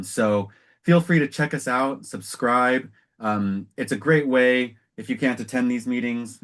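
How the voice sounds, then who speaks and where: An American man speaking as an organization's director, giving an informal, explanatory meeting presentation with measured phrasing and trailing pauses. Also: medium pitch.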